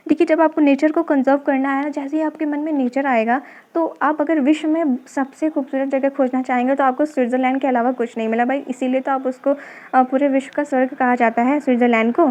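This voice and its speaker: A woman's voice: sits high, steady tone, fairly quick, a little mellow. A woman teaching an exam-prep lesson, explaining memory tricks patiently and answering her own questions. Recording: dull lo-fi recording.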